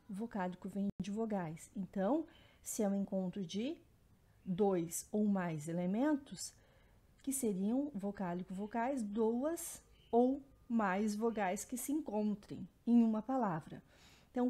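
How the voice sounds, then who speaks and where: Mellow-voiced woman teaching. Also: medium pitch. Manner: explanatory, repeats terms, frequent "né" and "então". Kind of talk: recorded Portuguese phonetics lesson.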